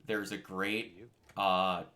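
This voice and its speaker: A young man talking casually on a game stream, halting with many restarts. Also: sits low, little pitch movement, sharp tone.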